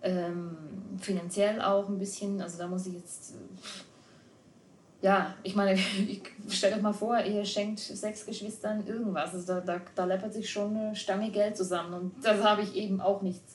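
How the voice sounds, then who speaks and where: Woman, casual chat, mid pitch, echoey room, faint background noise. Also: level tone, a little slow. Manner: frank, hesitant, agreeable. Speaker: conversation partner.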